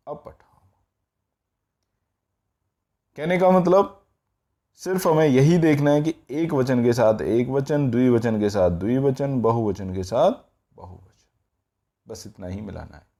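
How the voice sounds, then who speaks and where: A man's voice: medium pitch, mellow. A man teaching Sanskrit grammar in a patient, repetitive classroom style, checking in often as he goes. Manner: patient, repeats each form slowly, often says "all right".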